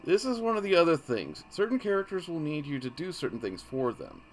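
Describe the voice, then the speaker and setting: A man's voice: on the high side, big pitch swings, brisk, slight background noise. A man hosting a casual game walkthrough, rambling and easily sidetracked, often breaking off mid-thought. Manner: rambling, easily distracted, self-interrupting. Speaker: gaming channel host.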